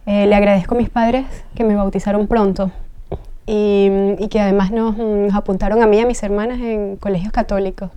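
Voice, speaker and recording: A train driver from Venezuela shares personal testimony in an interview, earnest and reflective while reaching for words. Her mid-range voice is dark and smooth, moving briskly with fairly even intonation.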